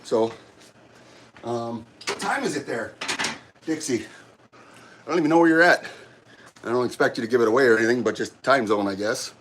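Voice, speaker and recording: A middle-aged man talks to his livestream viewers while he works out, out of breath and friendly. His voice sits at an ordinary middle pitch, and his sentences wander, stall and restart. Faint background noise hums under a camera set up in the gym. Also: a bit bright. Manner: halting, friendly, rambling with many restarts. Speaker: livestream host. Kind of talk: casual chat while working out on a livestream. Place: gym during a workout. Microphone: camera set up nearby.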